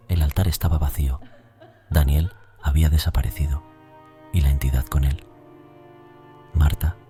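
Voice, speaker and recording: A man narrating a scripted horror story in a solemn, ominous, measured storytelling manner. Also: a bass voice, mellow. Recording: music bed under voice. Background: music.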